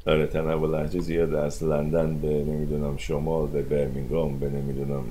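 A man's voice: very deep voice, a little hiss or hum. A man co-hosting a podcast, chatting casually about football with frequent fillers and chuckles. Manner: relaxed, hesitant with fillers, chuckles often. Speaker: podcast co-host.

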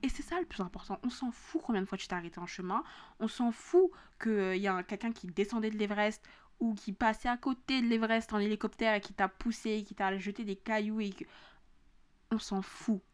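A woman's voice: medium pitch, fairly quick. Young woman w/ a southern french accent, chatty podcast pep talk, slangy, says things twice. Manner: casual, slangy, repeats phrases for emphasis. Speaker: podcast host. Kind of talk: motivational podcast monologue.

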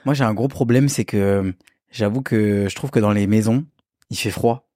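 A man's voice: fairly low pitch, moderate pace, dark tone, no room sound, studio quality. A young man co-hosting a casual chat podcast, teasing and joking with his co-host.

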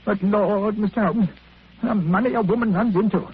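A man's voice: sits high, moderate pace, a little hiss or hum. An actor playing a self-pitying, miserly old man who grumbles and complains, in 1940s radio acting. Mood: complaining. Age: older. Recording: tinny old radio broadcast.

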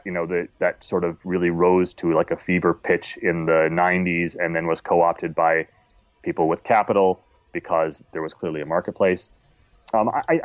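A man's voice: sits low, darkish tone, no room sound. A man giving a casual interview as an independent series maker, talking in a thoughtful, discursive, earnest way. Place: at home. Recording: dull, muffled lo-fi audio.

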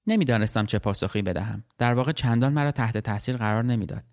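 Calm, measured male story narrator. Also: mid-range voice. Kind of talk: audiobook story reading.

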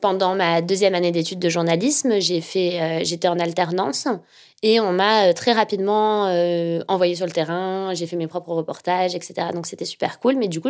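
A young woman speaks with a slightly nasal tone pitched a little low. She recounts her experiences calmly, pausing often and filling gaps with hesitations. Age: young adult. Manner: thoughtful, many fillers and hesitations. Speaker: journalist. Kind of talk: casual personal storytelling.

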